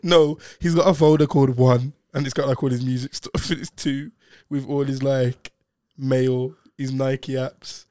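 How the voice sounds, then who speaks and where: A man's voice: mid-range voice, level tone, measured pace, dark tone, dry recording. A man in his twenties with a London accent, teasing and emphatic in casual, slangy banter. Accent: London, Multicultural London English. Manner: teasing, emphatic, repeats himself.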